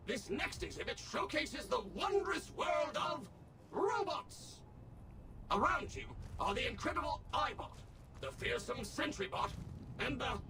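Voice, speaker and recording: This is a too-smooth android tour guide from a video game. He sits very high and has a gravelly texture, and his lines swing up and down with a lively, scripted cheer. He sounds servile and polished over steady game music. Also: background noise, heavily acted. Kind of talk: recorded game dialogue.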